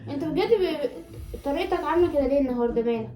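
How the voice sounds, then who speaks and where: A woman's voice: high voice, lively intonation, racing, reverberant, over music. A young woman with an Egyptian Arabic accent on a casual home vlog, pleading and insisting with her brother. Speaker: co-host, the host's sister.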